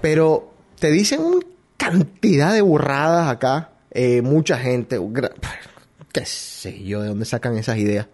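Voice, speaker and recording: A Colombian man hosts a radio show, delivering a casual opinion monologue that rambles and hesitates, with many restarts. His voice is medium-pitched, expressive and a little mellow, at a measured pace. There's slight background noise.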